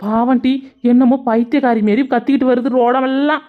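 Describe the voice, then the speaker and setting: A woman's voice: fairly high pitch, fairly even intonation, brisk, natural voice. Woman voicing a gossiping village onlooker. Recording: tinny phone-like lo-fi sound.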